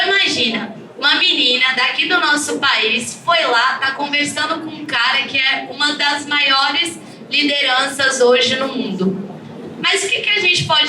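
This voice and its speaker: A young woman from Brasília, a climate activist, giving a loud, lively and joking talk to an audience at a live event. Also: high voice. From Brasília, Brazil. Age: young adult. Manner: loud, lively, joking, calls herself a megaphone. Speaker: youth climate activist and panelist. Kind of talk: energetic public talk to an audience. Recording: echoey room, far from mic, noisy.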